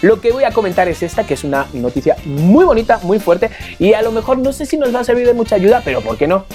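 A man, co-hosting a casual chat and acting out stories with sudden shouts. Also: high-pitched, sing-song, quick pace, soft background music. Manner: playful, acts out scenes with shouts. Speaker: co-host.

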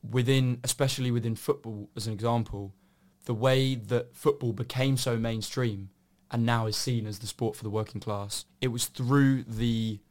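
A man co-hosts a podcast discussion. His voice is of average pitch, and he sets out his points in a conversational, discursive style. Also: steady tone, normal speed, few pauses, darkish tone. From Somerset, southern England. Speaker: podcast co-host.

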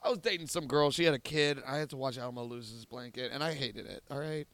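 A man's voice: medium pitch, fast talker, fairly bright tone. A man co-hosting a podcast, talking casually in profane, rambling rants. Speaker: podcast co-host. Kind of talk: casual chat.

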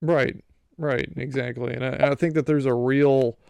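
A man's voice: mid-range voice, fairly even intonation, moderate pace, gravelly, a little mellow, smooth, no room sound. A man hosting a casual podcast chat, tired and sleepy, with a laid-back, agreeable manner.

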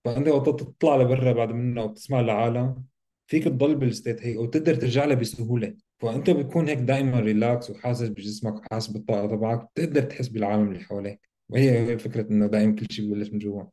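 Fast-talking mellow-voiced man. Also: medium pitch. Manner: relaxed, reflective, mixes English words into Arabic. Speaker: podcast co-host. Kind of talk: casual conversation about self-help.

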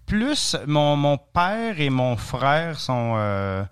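A man's voice: mid-range voice, big pitch swings, drawn-out words, smooth. Hesitant man talking. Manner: thoughtful, many restarts and hesitations. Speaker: podcast guest, travel author. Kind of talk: casual interview talk.

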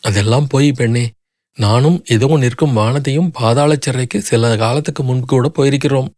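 A man voicing a composed royal princess who speaks in measured, soothing tones. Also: mid-range voice, no room sound, studio quality, close to an everyday voice. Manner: soothing, measured, sometimes hushed. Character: composed royal elder princess, kindly but wary.

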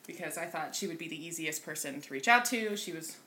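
A woman's voice: sits low, animated, fast talker, bright, forceful tone. A woman in her twenties, a podcast guest chatting candidly and laughing easily. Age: 20s. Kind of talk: casual podcast chat.

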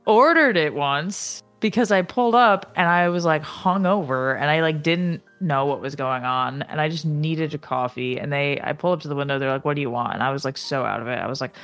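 Low-pitched woman in her 20s, casual co-host, talkative and giggly. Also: a bit bright, faint music behind. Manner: chatty, quick bursts with laughter, many "like" fillers. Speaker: podcast co-host. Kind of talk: casual chat.

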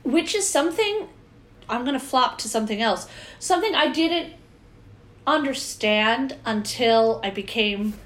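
Slow-talking woman, joking casual chat. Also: high-pitched. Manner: jokey, animated, self-deprecating.

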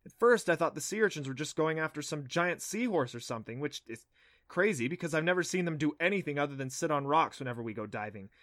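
Cocky teen girl, teasing and sure of herself, played by a male reader, lifted pitch, dry. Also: animated, fast, a bit bright, dry recording. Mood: excited. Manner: taunting, self-assured. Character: smug, teasing teenage girl diver.

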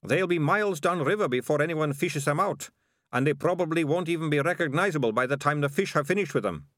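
A man's voice: on the high side, expressive, fast, fairly bright tone, dry recording, studio quality, pitched above the performer's own voice. A man voicing a dim, eager male rat catcher who blusters nervously. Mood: blustering.

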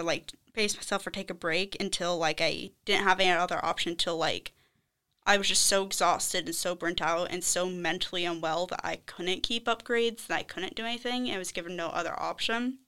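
A young woman speaks emphatically in a panel chat, leaning hard on key words. Her voice is bright and forward, with a crisp, clean tone. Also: on the low side. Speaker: student panelist. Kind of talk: casual panel discussion.

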